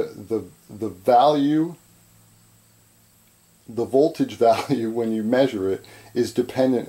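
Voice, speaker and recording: A man giving an informal chalkboard lecture as an instructor, halting and repetitive, often checking in with "right?". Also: mid-range voice, dark tone. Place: indoors at a chalkboard.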